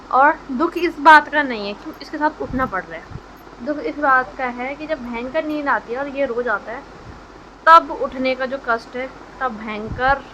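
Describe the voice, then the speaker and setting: A woman's voice: on the high side, bright, forceful tone, lo-fi sound, slight background noise. A young woman vlogger in her twenties with a Hindi accent, chatting jokingly to her viewers at home. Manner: joking, chatty, addresses friends. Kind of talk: casual vlog chat.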